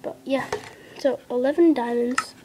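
Against a noisy background, the young girl narrates her mobile gameplay in a high-pitched, steady voice at a measured pace, rambling with many fillers and dropping to half-whispers. She's indoors at a table, and a device camera films her handheld screen.

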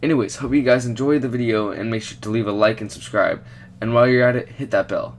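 Male channel host, rapid casual intro patter, light background hum. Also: mid-range voice, fairly even intonation. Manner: brisk, upbeat sign-off patter.

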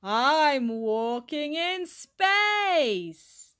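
An excitable little schoolboy, as a woman reader puts him on, squealing high and bright in a children's storybook reading. His lines jump up and down with eager exclamations. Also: very slow, exaggerated voice. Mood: excited. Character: excitable young boy pupil.

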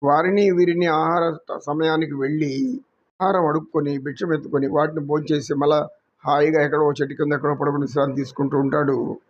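A man with a Telugu accent, a yoga teacher telling a moral story in an unhurried, preachy way. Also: a little high, fairly even intonation, dull audio, a little hiss or hum.

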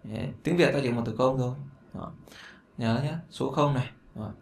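A chatty man with a Vietnamese accent walks beginners through an English lesson, repeating key words and throwing in asides. His voice sits at an ordinary middle pitch. The recording is roomy and echoey, with a faint hiss behind him. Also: normal speed, gravelly. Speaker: English teacher. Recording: echoey room with faint noise.

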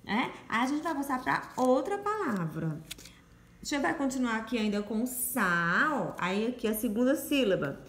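A Brazilian woman with a fairly high, very lively voice walks small children through sounding out syllables. She coaxes and draws out each letter sound like a patient primary teacher. The recording carries a clear echo from a bare room at home. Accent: Brazilian Portuguese. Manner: sing-song, coaxing teacher voice with drawn-out letter sounds. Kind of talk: recorded phonics lesson for children. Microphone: phone or home camera, voice only.

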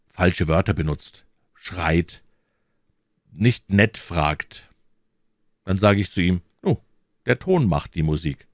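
A man explaining German grammar to learners, talking slowly and carefully and walking through examples. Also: deep voice, dry recording, clean studio sound. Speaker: German teacher.

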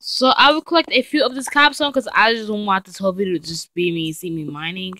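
Bright-voiced woman narrating her gameplay. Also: medium pitch, fast talker, no echo. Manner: chatty and excitable, easily frightened, talks to viewers. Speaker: let's play gamer. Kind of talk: casual gameplay commentary.

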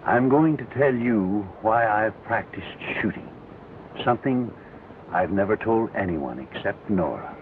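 Slow, low-voiced old Western man. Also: lively intonation. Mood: confiding. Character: old blind Western marksman, fatherly, grimly resolved. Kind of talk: 1930s film western acting. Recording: tinny noisy 1930s film soundtrack.

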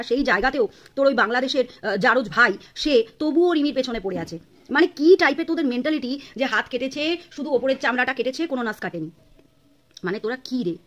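A woman's voice: a little high, fairly bright tone. A woman vlogger from Bangladesh delivering an angry, insulting rant to camera. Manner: scolding, insulting, rapid-fire.

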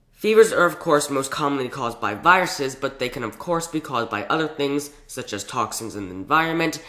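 A man's voice: medium pitch, bright, forceful tone, roomy sound. A young man with a sick voice, narrating a scripted science explainer as the host. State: sick, hoarse voice. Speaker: educational video host.

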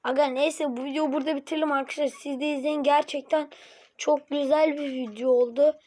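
A woman giving excitable, slangy reaction commentary as a YouTuber, yelping whenever something scares her. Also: high-pitched, brisk. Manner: excitable, jumpy and slangy, yelps when scared. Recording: loud background noise.

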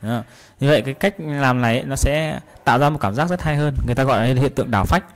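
A man's voice: mid-range voice, fast talker. Patient man teaching guitar strums. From Vietnam. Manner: patient, repeats and calls out strum patterns. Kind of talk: guitar lesson, counting strums aloud. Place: guitar class room.

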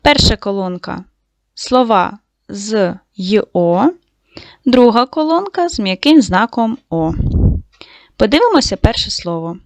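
A woman teaching a lesson to young schoolchildren, giving slow, clearly articulated instructions. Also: mid-range voice, animated, no echo. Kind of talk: online lesson for young children.

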